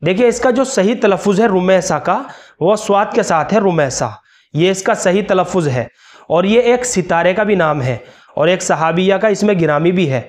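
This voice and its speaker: Male cleric, higher-pitched voice, patient lesson delivery spelling out names slowly. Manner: slow, careful spelling-out of names. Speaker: Islamic scholar. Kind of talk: religious instructional talk.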